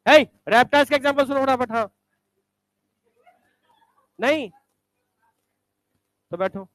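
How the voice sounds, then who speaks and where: A male teacher quizzing students in a classroom, briskly ordering them to stand up and recite examples. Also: very high-pitched, a bit bright, no room sound.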